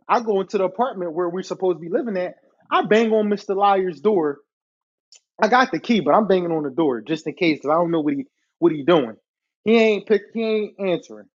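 Podcast host, man, high voice, exasperated profane storyteller, muffled home recording. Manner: exasperated, profane, addresses listeners directly. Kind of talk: storytime rant. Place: apartment. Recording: dull lo-fi recording.

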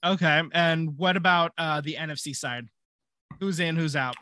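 A man's voice: a little high, moderate pace, bright, forceful tone, slight background noise. A man co-hosting a casual sports podcast, thinking aloud with fillers and restarts. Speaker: podcast co-host.

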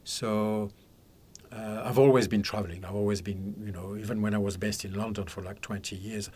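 A man's voice: on the low side, fairly even intonation, moderate pace, darkish tone, slightly rough. A man in his seventies from Algeria and France, a psychic counsellor guest telling rambling stories with frequent laughs in a podcast studio. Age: 70s. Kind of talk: casual interview chat.

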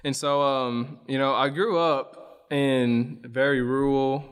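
A young man from Illinois talks through his background in an easy, rambling manner, pausing on fillers as he goes. His voice is smooth and resonant. The recording carries a long reverb, as if it were made in a large hall. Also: medium pitch. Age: young adult. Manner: relaxed, rambling storytelling with many fillers. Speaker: guest. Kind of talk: casual conversation.

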